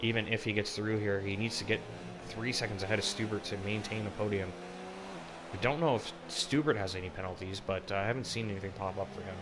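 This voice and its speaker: A man's voice: fairly low pitch, steady tone, fast, heavy background noise. A man doing live, casually phrased motorsport commentary on an online race as the lead commentator. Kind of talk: live sim racing commentary.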